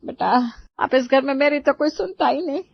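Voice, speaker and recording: A woman voicing a sharp-tongued traditional mother-in-law who scolds loudly in a cartoon story. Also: normal speed, creaky, dry recording. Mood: indignant. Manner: scolding, shrill and loud. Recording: dull lo-fi dry recording.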